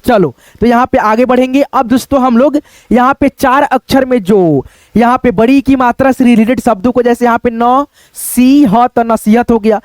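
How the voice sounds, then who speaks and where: A young man gives a patient spelling lesson in a strikingly high voice. He stretches each word out slowly and keeps checking in with his listeners. The sound is close and dry, with no room echo. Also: darkish tone. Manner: repeats each word slowly, often asks "ठीक है?". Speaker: Hindi writing teacher.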